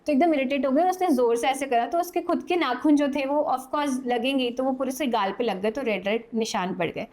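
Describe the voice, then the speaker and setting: A young woman with a high voice narrates a horror tale in relaxed, conversational storytelling. She is animated and slips into the voices of the characters as she goes. The delivery stays informal, as in a chat on a podcast. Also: a little fast, few pauses. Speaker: podcast guest telling horror stories. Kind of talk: casual spoken storytelling.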